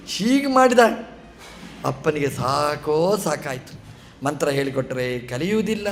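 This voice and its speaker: A religious teacher giving a discourse delivers a storytelling sermon in a high, light voice. He narrates a tale from scripture, pausing to pose rhetorical questions to listeners and briefly voicing the characters' words.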